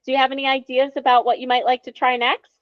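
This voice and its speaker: A woman's voice: sits high, flat delivery, fast talker, no echo. A woman co-hosting an education podcast, asking questions and affirming her guest. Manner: encouraging, affirming. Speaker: podcast co-host. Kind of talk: conversational interview. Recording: dull lo-fi dry sound.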